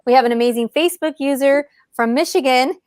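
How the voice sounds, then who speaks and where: A woman's voice: high voice, fast talker, darkish tone, smooth, dry recording. Upbeat woman hosting a livestream. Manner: enthusiastic, greets viewers by name. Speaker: podcast host. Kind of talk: livestream conference welcome.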